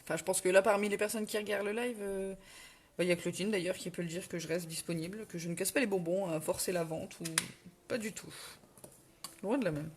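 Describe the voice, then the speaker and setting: A woman's voice: medium pitch, fairly even intonation, fast, background noise. Chatty woman with a Ch'ti accent. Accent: Ch'ti (northern French). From northern France. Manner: chatty, self-correcting, many fillers, reads viewer comments aloud. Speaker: crafting host on a live stream. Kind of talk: casual live crafting tutorial.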